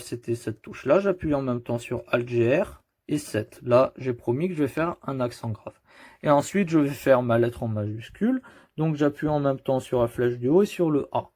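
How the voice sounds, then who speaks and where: A man gives a computer tutorial, explaining each keystroke patiently and speaking straight to the viewer. His voice sits in an ordinary middle pitch, steady and plain. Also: moderate pace. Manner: patient, step-by-step explaining with direct address. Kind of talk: screen-recorded keyboard tutorial.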